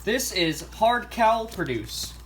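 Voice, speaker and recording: A man's voice: sits high, big pitch swings, slow pace, noisy background. A man hosting a goofy home cooking tutorial, reading recipe steps aloud and making up silly facts. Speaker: cooking show host. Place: home kitchen.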